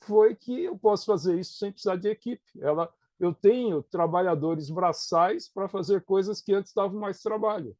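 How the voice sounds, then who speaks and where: A man's voice: sits high, normal speed, hardly any pauses, a little mellow, no room sound. A middle-aged man with a Brazilian Portuguese accent, a professor explaining things in an interview, often checking in with "né?" and "tá?". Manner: conversational, tags points with "né?" and "tá?".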